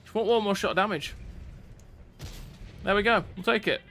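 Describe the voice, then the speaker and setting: A man's voice: high voice, sharp tone, a little hiss or hum. A man giving casual gameplay commentary, chatty and thinking aloud as he plays. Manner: chatty, thinks aloud with restarts and quick reactions.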